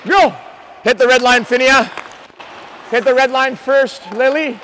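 High-pitched, forceful male hockey coach. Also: fairly even intonation, a little slow, some chatter behind. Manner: urgent, repetitive, encouraging commands. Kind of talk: shouted drills and instructions on the ice. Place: large indoor ice hockey rink. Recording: noisy, echoing indoor ice rink.

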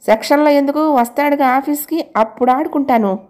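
A woman's voice: high voice, fairly quick, darkish tone, voice pushed up, lightly acted. A woman voicing a sarcastic, nosy female office clerk in an audio novel. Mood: mocking. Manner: mocking, nosy.

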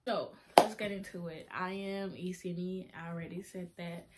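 A seventeen-year-old Honduran girl with a Honduran Spanish accent talks to the webcam in front of her face in a small bedroom with a flag on the wall. She's chatty in this casual talking-head vlog, sharing testimony, often restarting sentences and laughing at herself. Her voice is fairly low and steady at a moderate pace, with heavy background noise.

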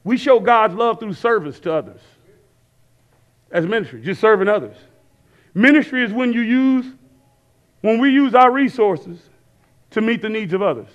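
A man in his thirties preaching a sermon on a church stage, talking casually with the crowd and rising now and then to shouts. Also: high voice, expressive, moderate pace, long pauses, dull audio. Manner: conversational preaching, rising to shouts, asks the crowd to fill in words. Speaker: pastor. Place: church stage with screens and worship band behind.

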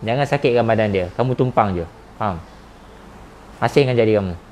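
A man's voice: lowish voice, a little fast, darkish tone, a little hiss or hum. A man, a spiritual healer running a healing session with probing, firm questions.

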